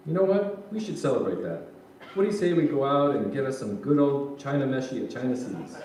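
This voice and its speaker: A man's voice: medium pitch, lively intonation, fairly quick, a little mellow, natural voice. A man playing a grumbling, joking middle-aged son in a staged reading, casual and colloquial. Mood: upbeat. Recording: echoey hall, distant mic, faint noise.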